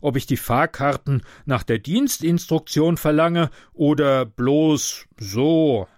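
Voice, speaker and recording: A man voicing a timid but officious middle-aged male train conductor who speaks stiffly and gives way quickly. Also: fairly high pitch, a little mellow, no room sound, clean studio sound. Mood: appealing.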